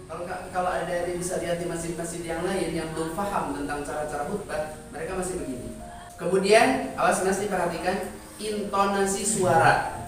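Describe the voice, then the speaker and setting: A man teaching trainees how to preach, talking emphatically and addressing them directly. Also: high-pitched. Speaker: Islamic preacher teaching sermon delivery. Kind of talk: instructional talk to trainees. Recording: echoey room, distant mic, music behind.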